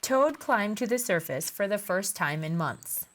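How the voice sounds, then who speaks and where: Woman author, storybook read-aloud, animated and unhurried. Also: mid-range voice. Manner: slow, expressive storytelling. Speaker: children's book author.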